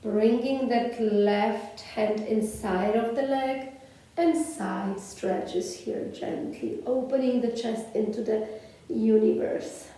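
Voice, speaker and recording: A yoga instructor with a Polish accent guides a class with slow, soothing cues and long pauses, her fairly high voice mellow and unhurried. She is far from the mic in a very echoey room, with a faint hiss underneath.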